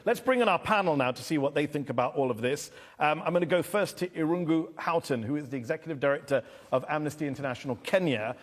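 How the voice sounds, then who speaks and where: A man's voice: on the high side, quick pace, few pauses. A man hosting a confrontational TV interview, pressing his guest with incredulous questions. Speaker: TV interviewer and host.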